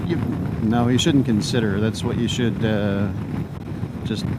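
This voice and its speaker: A man's voice: on the low side, measured pace. A man in his fifties gives casual, rambling, self-deprecating commentary into a helmet intercom mic while riding a motorcycle. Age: 50s. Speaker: motovlogger reviewing a demo motorcycle. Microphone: microphone inside motorcycle helmet. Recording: helmet mic with loud wind and road noise.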